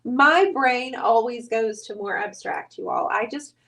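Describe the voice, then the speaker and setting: A woman's voice: fairly high pitch, measured pace, pushed and bright. A woman hosting a live painting stream, chatting casually, greeting viewers by name and teasing her husband as she works.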